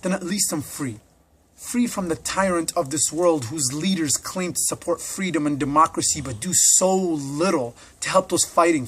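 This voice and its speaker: A man's voice: a little high, fairly bright tone, slightly rough. An American man in his twenties, a detainee recording a personal statement in an earnest, impassioned way and pressing rhetorical questions. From United States. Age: 20s. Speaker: detainee making an appeal.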